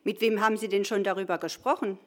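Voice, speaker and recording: An actress playing a polite, businesslike career-planning clerk in a customer service voice, in a comedy sketch. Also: female voice, medium pitch, steady tone, quick pace, lightly acted. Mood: polite, helpful. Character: polite female career-planning clerk at God's call centre. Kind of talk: scripted comedy sketch, phone hotline.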